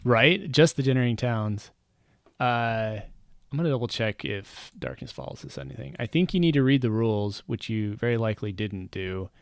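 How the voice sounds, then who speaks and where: Here the same gravelly, fry-tinged man is very animated as he rambles through his game stream, still casual, wry and self-mocking. His lowish voice moves at a moderate pace and sounds close and dry, with no echo or room around it.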